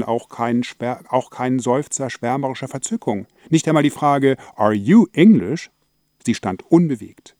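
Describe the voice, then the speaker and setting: Wry man with a dark voice. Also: medium pitch, no room sound. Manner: wry, dry, dramatic narration. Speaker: storyteller. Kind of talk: theatrical monologue.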